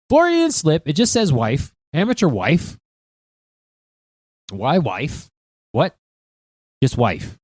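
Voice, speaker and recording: A man's voice: medium pitch, mellow, dry recording. A man hosting a solo podcast, chatting casually with wry asides and tangents. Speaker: podcast host.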